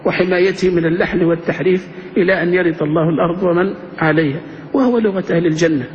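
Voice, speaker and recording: A man teaches a classroom grammar lesson, his voice sitting fairly high. He keeps turning to the students with rhetorical questions. The recording is dull and lo-fi. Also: steady tone, rapid-fire, a little hiss or hum. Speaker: sheikh teaching Arabic grammar.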